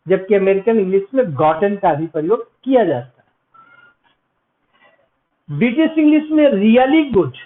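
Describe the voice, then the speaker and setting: A man teaching an English lesson in Hindi, repeating English phrases slowly and spelling words out letter by letter. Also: sits high. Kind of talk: classroom lecture. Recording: tinny phone-like lo-fi sound.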